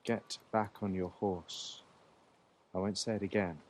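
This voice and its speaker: Haughty young nobleman leading a patrol in a TV drama, cold and contemptuous, a touch low. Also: flat delivery, a little slow, a little hiss or hum. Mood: scornful menace. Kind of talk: television drama acting.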